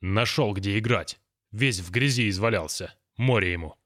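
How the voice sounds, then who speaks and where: A man's voice: lowish voice, normal speed, a bit bright, no room sound, clean studio sound. A man voicing a bossy, know-it-all grown man who lectures his friends and scolds a child. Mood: scolding. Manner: thoughtful, lecturing, then scolding.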